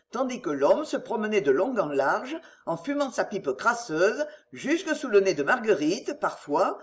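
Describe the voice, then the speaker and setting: An audiobook narrator reads a classic novel in an expressive literary style. The pitch moves with lively rises and falls through the sentences. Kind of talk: scripted narration.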